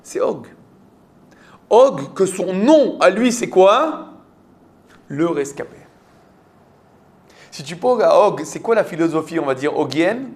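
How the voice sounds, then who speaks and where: Man, French accent, rabbi lecturing a class, rhetorical questions, fairly high voice. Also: very animated, slow, long pauses. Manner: quizzes students with rhetorical questions.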